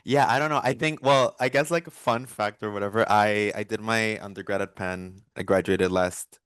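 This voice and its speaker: A man's voice: on the low side, steady tone, moderate pace, fairly bright tone, clear, resonant tone, no room sound. A young man in his twenties from Peru, introducing himself on a video call with hesitant fillers. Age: 20s. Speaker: student panelist. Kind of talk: casual introduction.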